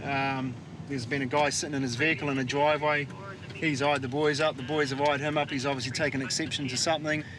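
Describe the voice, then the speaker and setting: A man's voice: mid-range voice, flat delivery, fast talker, a crowd in the background. A man with a New Zealand accent talking informally as a police officer on the scene. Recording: noisy outdoor street, vehicle sounds.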